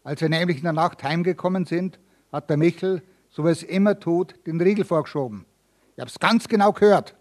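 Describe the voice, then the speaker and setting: A man's voice: on the high side, a little fast, slight background noise, lightly acted. An earnest, humble villager testifies anxiously, protesting eagerly. A man reading a story aloud plays him in a raised, slightly flustered voice. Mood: insistent. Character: timid, earnest male villager neighbour.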